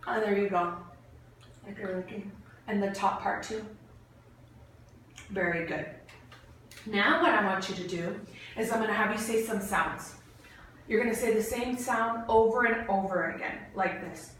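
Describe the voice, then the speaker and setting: A woman's voice: mid-range voice, moderate pace, pauses often, fairly bright tone. A woman clinician giving step-by-step exam instructions in an encouraging way, with short bits of praise. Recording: very echoey room, distant mic, faint noise.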